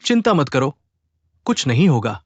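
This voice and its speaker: A man's voice: medium pitch, very animated, measured pace, no room sound, muffled recording. A man dubbing a male role in a short drama, with emotional, dramatic delivery. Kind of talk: Hindi dub of a short drama.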